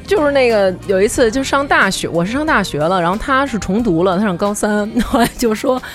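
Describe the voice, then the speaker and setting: A woman, co-hosting a comedy talk show, telling stories in a chatty, animated way and laughing as she goes. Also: mid-range voice, fairly quick, music in the background. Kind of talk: casual comedic storytelling.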